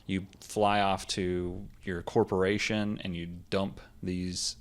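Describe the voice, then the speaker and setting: A man's voice: low voice, level tone, takes it slowly. A man co-hosting a gaming podcast, explaining a game in casual chat, rambling with lots of "like" and "um" and the odd laugh. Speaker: podcast co-host.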